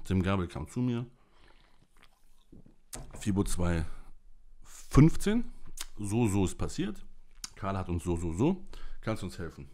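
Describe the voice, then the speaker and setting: A man's voice: on the low side, a little mellow. A man delivering an angry, emotional monologue to camera, ranting in blunt, coarse language. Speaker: vlogger.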